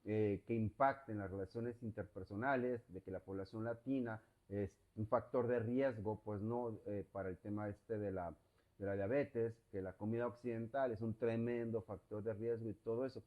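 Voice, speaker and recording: A man's voice: lowish voice, fairly even intonation, normal speed. A man with a Mexican accent hosting an interview, asking long, rambling questions that he rephrases as he goes, in casual, slangy speech. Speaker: host. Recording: dull lo-fi audio.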